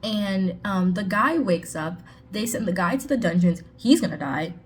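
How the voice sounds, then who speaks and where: A woman's voice: mid-range voice, animated, moderate pace, slight background noise. A woman casually reviewing a book on her vlog, talking in a chatty way with sarcastic asides.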